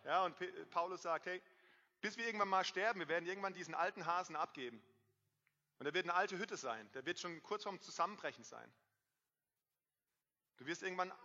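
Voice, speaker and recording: Guy preaching in church, fairly high voice, big loud bits then soft asides, kinda dull sound. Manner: lively, swings between loud emphasis and quiet asides. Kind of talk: sermon. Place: church hall. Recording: dull, reverberant hall sound.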